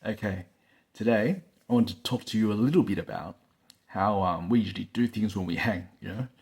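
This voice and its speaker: A man's voice: fairly low pitch, brisk, a little mellow. A man hosting his own vlog, chatting casually to camera, with rambling talk full of fillers, recorded on a phone on a stand. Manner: rambling, full of "like, you know" fillers, laughs often. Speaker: vlog host.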